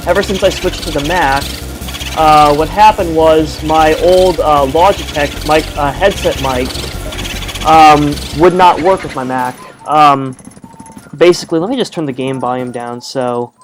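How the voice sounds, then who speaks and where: On the high side and unhurried, this man's voice comes through an earphone headset mic against a noisy background with game music. His let's-play commentary is casual and meandering, packed with fillers and self-deprecating remarks.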